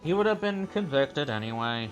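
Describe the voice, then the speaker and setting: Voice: medium pitch, big pitch swings, moderate pace, soft background music, natural voice. A person voicing a scheming, smug old male police chief with an old man voice, in a video game read-aloud. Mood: coolly confessing. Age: older.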